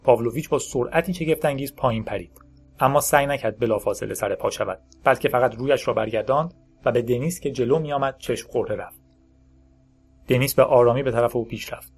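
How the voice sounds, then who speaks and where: A man narrating a story in a steady, measured audiobook style. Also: mid-range voice, husky. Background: faint background music.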